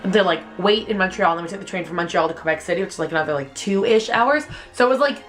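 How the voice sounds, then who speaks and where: A woman's voice: lowish voice, fast, faint music behind. A young woman, telling childhood stories in a casual, chatty vlog, filling her speech with "like". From Canada. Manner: chatty, heavy use of "like", animated retelling. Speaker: vlogger.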